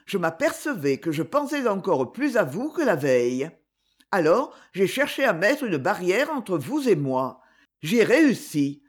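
A woman's voice: medium pitch, darkish tone, breathy edge. A lovesick young man speaks earnestly and sorrowfully, in a voice that rises and falls widely, as a female reader does him. He sounds resigned, like a hero in an old storybook.

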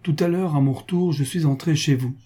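A man's voice: a little high, brisk, warm tone, pitched above the performer's own voice, lightly acted. Man doing an icy, commanding archduke. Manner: cold, authoritative orders.

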